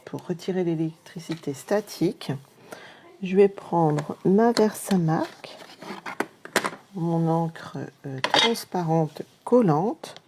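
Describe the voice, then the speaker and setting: Chatty Marne-accented craft host. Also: female voice, deep voice, a little mellow, a little hiss or hum. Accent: Marne French. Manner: chatty, often talks straight to the viewers with "regardez" and "hein". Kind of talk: live craft demonstration.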